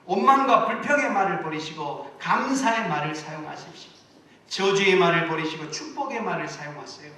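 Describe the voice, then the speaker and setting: A man's voice: on the high side, animated, brisk, pushed and bright. A man, a senior pastor, preaching a sermon in a church with earnest, emphatic exhortations. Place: church sanctuary. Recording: echoey church hall, mic at a distance.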